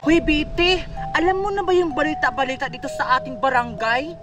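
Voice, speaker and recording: A pushy, gossipy cartoon girl, as a woman puts her on, bossy and dramatic. Her voice is very high, a bit distant, with loud music behind. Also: steady tone, brisk, close to an everyday voice.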